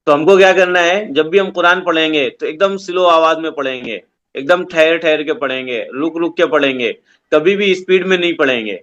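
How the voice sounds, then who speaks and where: A man's voice: fairly high pitch, fairly bright tone, highs cut off. A man teaching an online Islamic studies class to children over a video call, giving simple, repetitive instructions.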